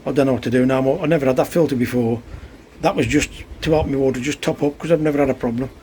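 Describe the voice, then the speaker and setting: A man's voice: mid-range voice, fairly even intonation, quick pace, mellow. A man rambling in an exasperated, chatty way about his pond pump, filming on a phone outdoors in heavy rain. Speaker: hobbyist koi keeper. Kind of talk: casual vlog narration. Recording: faint rain noise behind. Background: rain and outdoor ambience.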